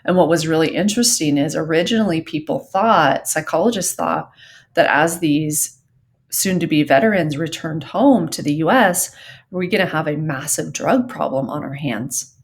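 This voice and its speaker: Low-voiced woman teaching psychology notes. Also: normal speed. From Southern California. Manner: frequent ums, conversational, uses y'all. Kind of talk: recorded lecture notes.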